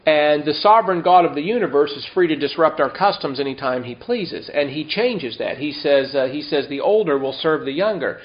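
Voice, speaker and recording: A man preaching a sermon, reading scripture slowly and emphatically and asking the congregation rhetorical questions. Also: fairly high pitch, lively intonation. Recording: dull lo-fi sound.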